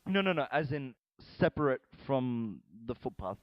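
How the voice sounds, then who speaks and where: A man's voice: medium pitch, sing-song, moderate pace, lo-fi sound. A young man co-hosting a casual podcast, laughing and teasing his friends, often stumbling into stammered restarts. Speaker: podcast co-host. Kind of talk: casual chat.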